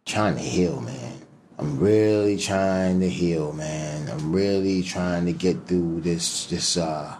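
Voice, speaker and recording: A man's voice: sits low, slow, a little mellow, a little hiss or hum. A man talking in an interview as a guest, emphatic and profane, full of fillers and slang. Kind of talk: casual interview talk.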